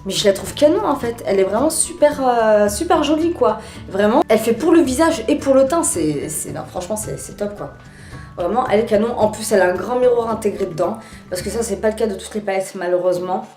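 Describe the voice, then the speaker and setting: A woman's voice: mid-range voice, darkish tone. Chatty woman vlogger, echoey room. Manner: chatty, many fillers and restarts. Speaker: beauty vlogger. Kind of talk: casual haul video.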